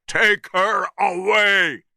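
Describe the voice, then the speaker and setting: A ship captain barking short commands, raised and loud, as a storyteller puts him on. The voice is bright and the recording dry and close. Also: male voice, high-pitched, fairly even intonation, very slow, creaky, dry recording, voice pushed up, heavily acted. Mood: commanding. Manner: shouted orders.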